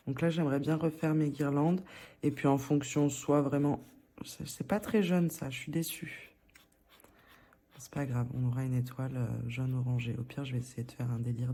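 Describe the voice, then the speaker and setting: A woman's voice: sits low, dark tone. A woman vlogger talking casually to camera about her monthly budget, chatty and a little hesitant, often restarting her sentences. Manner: chatty, talks through her envelopes as she goes.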